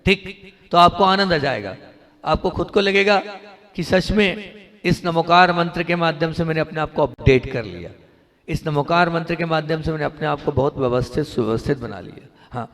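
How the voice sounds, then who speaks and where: A man's voice: fairly high pitch, fairly bright tone, big-room sound. A man, a Jain monk, giving a devotional sermon and pronunciation lesson to an audience, asking them questions as he teaches. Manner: instructive, repeatedly asks the audience questions; drawn-out sung chanting of mantra syllables.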